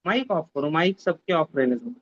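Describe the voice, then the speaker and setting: A man's voice: a little high, expressive, normal speed, a bit bright, dry recording. Male online math teacher, video call, muffled dry audio, mixes Hindi and English, repeats himself. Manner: mixes Hindi and English, repeats instructions, scolds students to mute mics. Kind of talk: online class lecture.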